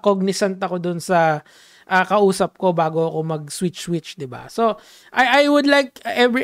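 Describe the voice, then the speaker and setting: A man's voice: high-pitched, clear, resonant tone, dry recording, clean studio sound. A man giving casual commentary, chatty and full of fillers and restarts, switching back and forth between languages. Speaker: commentary vlogger.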